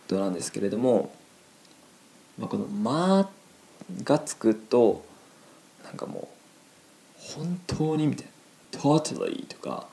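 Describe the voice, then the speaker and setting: A young man with a Kansai accent teaches Japanese phrases in an easy, chatty way, leaning on fillers as he explains. His voice is low and warm with a gravelly edge. His pitch moves a lot. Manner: relaxed, chatty, with frequent fillers. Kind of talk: casual language lesson.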